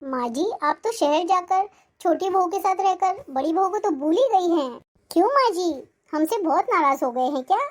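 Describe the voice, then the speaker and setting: A performer voicing a gentle devoted daughter-in-law. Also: very high-pitched. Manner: soft, respectful, pleading.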